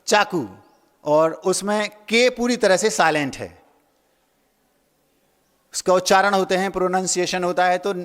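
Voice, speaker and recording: A man's voice: high-pitched, fairly bright tone, big-room sound. A Jain monk giving a sermon, playing with words, repeating key phrases and asking his listeners questions. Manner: asks the audience questions.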